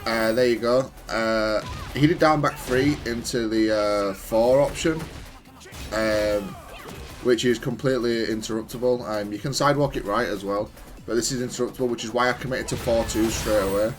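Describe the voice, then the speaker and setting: Soft background music plays as a man comments off the cuff on replays of his own fighting game matches, explaining hesitantly and in fits and starts. He speaks at a normal speed in a mid-range voice with fairly even intonation.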